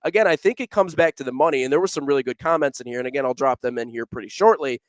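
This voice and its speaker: A man's voice: medium pitch, rapid-fire, dry recording. A man hosting a sports podcast in casual talk, rambling a little as he reads listener comments. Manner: conversational, many fillers and restarts, reads out comments. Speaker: podcast host.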